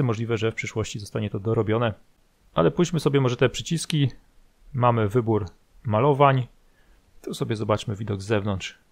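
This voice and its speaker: A man with a lowish, gravelly voice hosts a casual simulator tutorial. He explains things step by step in a halting, thinking-aloud way. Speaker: flight simulator video host. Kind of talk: casual screen-tutorial commentary. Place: voice-over recorded over screen capture.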